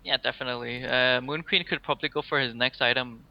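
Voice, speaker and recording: A man's voice: medium pitch, fairly even intonation, fast talker, vocal fry, dry recording, highs cut off. A man giving casual color commentary on a video game match, hesitant, with many fillers. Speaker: esports co-commentator.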